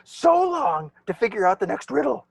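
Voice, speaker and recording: A man voicing a cranky, whiny male mock griffin hermit, with a shrill, indignant voice. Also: big pitch swings, normal speed, gravelly, breathy edge, no echo, studio quality, full character voice.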